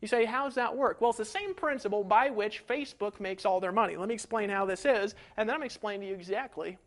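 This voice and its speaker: A man coaching an online marketing webinar from a home setup, energetic and folksy, full of rhetorical questions. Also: high-pitched, quick pace. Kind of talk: webinar teaching. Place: home setup in rural hills.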